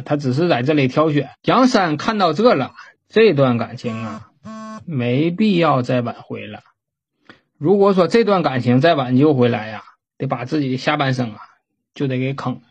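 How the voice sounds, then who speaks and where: A man's voice: a little high, breathy edge, highs cut off. A man, telling a story in a folksy, casual way and swearing offhandedly.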